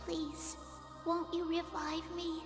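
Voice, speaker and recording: A woman's voice: extremely high pitch, flat delivery, slow, music in the background, exaggerated voice. An actress playing a mysterious pleading girl in a video game, heard in long ethereal reverb. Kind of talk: dramatic game voice acting.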